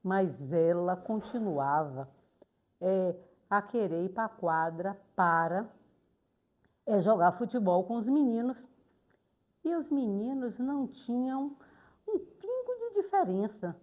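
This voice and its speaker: An older woman, a retired teacher slowly and reflectively recounting memories in a documentary interview, pausing often. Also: medium pitch, lively intonation, darkish tone. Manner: slow, reflective, pauses often on "é".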